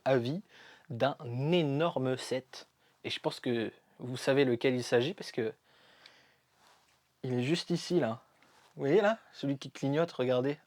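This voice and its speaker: A man's voice: medium pitch, a little mellow, dry recording. A man chatting casually and enthusiastically to camera while reviewing a toy set, with lots of fillers. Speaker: LEGO reviewer. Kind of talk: casual vlog chat.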